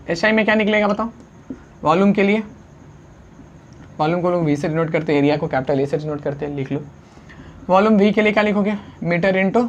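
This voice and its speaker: A man teaching a science lesson, constantly asking the class questions and answering them himself, urging students to write fast and mixing English unit names into his talk. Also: high voice, highs cut off, slight background noise. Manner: urges students to write quickly, calls them friend.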